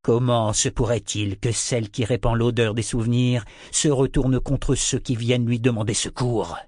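A man narrating an audiobook in a measured, steady reading. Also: mid-range voice, dry recording, studio quality.

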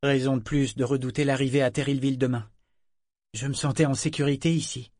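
A man's voice: mid-range voice, steady tone, fairly quick, a little mellow, no echo, clean studio sound, close to an everyday voice. A man voicing an anxious, torn young woman sailor in an audiobook, speaking earnestly and fretfully.

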